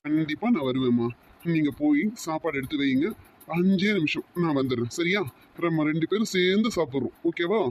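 A performer voicing a teasing but protective young man who calms his girlfriend, in an amateur audio romance story. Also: mid-range voice, a little fast, natural voice. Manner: teasing, reassuring.

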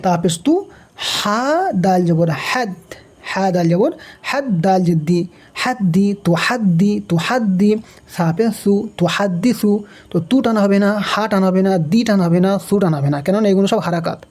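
A man with a Bangladeshi Bengali accent gives a step-by-step Quran reading lesson, spelling out letters and vowel marks before slowly chanting the words in a higher tone. His voice has a darkish quality.

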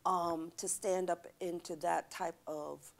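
Older woman guest, gravelly and a bit low, animated studio storyteller on a lapel mic. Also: slow pace. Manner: emphatic, animated storytelling with hand gestures. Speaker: guest speaker, professor. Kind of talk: church ministry interview. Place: church TV studio set, seated on stage.

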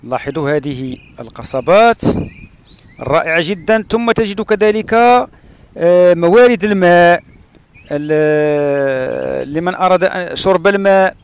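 A man from Morocco narrating his travels along a rural road and through a palm oasis, pausing often with "uh" fillers. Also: on the high side, clean tone. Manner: hesitant, with frequent "uh" fillers and pauses. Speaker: travel vlogger.

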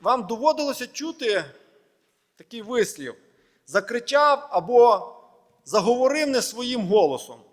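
Male pastor, high voice, sermon delivery with emphatic lists, long hall reverb. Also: a bit bright. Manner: measured preaching in short phrases, with emphatic lists. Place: church hall.

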